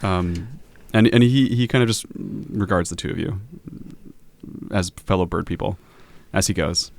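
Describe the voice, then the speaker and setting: A man's voice: low voice, a little slow, vocal fry, a little mellow. A man narrating casually as game master, easygoing and improvising his descriptions as he goes.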